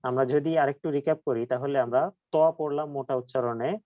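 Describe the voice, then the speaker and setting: A man teaching Quran pronunciation in an online class, patiently demonstrating letter sounds slowly and repeating them. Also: medium pitch, fairly even intonation, highs cut off, background noise.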